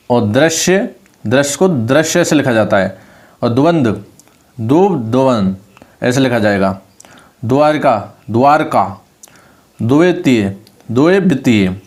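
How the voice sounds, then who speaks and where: Man, Rajasthani Hindi accent, online tutor, repeats words, punches the key word, mid-pitched voice. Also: a little mellow. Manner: repeats each word, stressing the correct spelling with raised pitch. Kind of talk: online spelling lesson.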